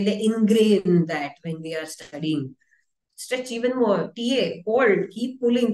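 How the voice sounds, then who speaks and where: Woman lecturing a webinar in a roomy echo. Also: medium pitch. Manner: conversational teaching with rhetorical questions. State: voice dry, briefly croaky. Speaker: physiotherapy lecturer.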